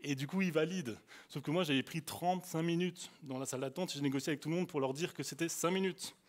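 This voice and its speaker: A young man with an Alsatian accent, preaching a sermon as a youth preacher. He tells stories animatedly, swinging between loud bursts and hushed asides. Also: on the high side, quick pace. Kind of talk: storytelling sermon.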